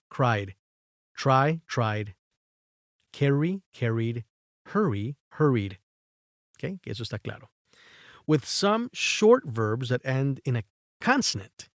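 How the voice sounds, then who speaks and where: A patient male teacher giving a bilingual grammar lesson in a dry, close-miked sound. He talks slowly and spells out letters one by one. His pitch sits in the middle range. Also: no room sound. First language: Spanish. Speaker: English teacher.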